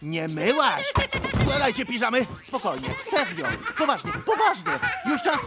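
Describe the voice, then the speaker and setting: An actor dubbing a grumpy middle-aged male supervillain in an animated film, speaking in a gruff, exasperated, sarcastic way. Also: extremely high pitch, measured pace, exaggerated voice. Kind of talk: animated film dub acting.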